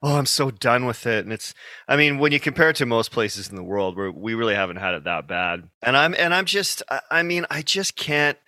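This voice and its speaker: A man's voice: medium pitch, big pitch swings, a little fast, bright, forceful tone, no echo, studio quality. A man chatting casually as a podcast guest, easygoing and reflective in the way he talks. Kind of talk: casual conversation.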